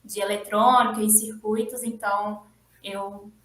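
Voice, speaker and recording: A young adult woman from Formiga, Minas Gerais, Brazil, who works as an electrical engineer, chats in a relaxed way as an interview guest, with small restarts and laughter. Her mid-range voice is unhurried. The mic is distant in an echoey room, and faint noise can be heard.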